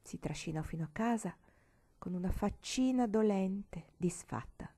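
Expressive woman reading a storybook. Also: mid-range voice, measured pace, breathy edge. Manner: expressive, sometimes dropping to a whisper. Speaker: audiobook reader.

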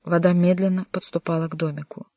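An audiobook narrator reading a historical adventure novel in an even, measured way. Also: medium pitch, dry recording, studio quality. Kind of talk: scripted narration.

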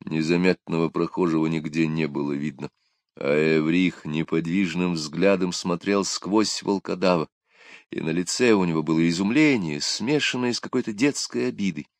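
A man narrating a story in a measured, expressive storytelling manner. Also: low voice, no echo, clean studio sound. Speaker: audiobook narrator. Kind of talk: scripted narration.

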